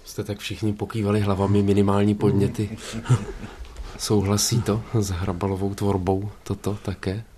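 Deep, flat-voiced radio presenter man. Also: slight background noise. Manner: hesitant, many fillers. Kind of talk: cultural radio discussion.

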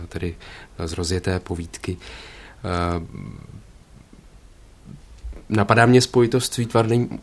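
Deep, flat-voiced radio presenter man. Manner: hesitant, many fillers. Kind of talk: cultural radio discussion.

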